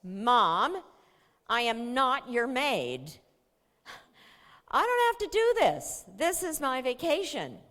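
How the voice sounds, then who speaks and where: Indignant teenage girl, woman acting her out, high whiny voice, loud, slow, hall reverb. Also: wildly swooping pitch, heavily acted. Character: angry sixteen-year-old girl, sulky and indignant.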